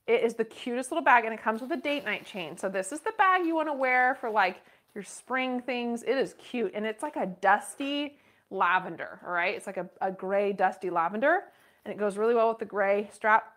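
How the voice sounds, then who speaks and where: A woman in her thirties runs a live online purse auction from inside a western boutique, chatty and bubbly as she calls out the bids. Her voice sits on the high side with a fairly bright tone, and she talks at a moderate pace.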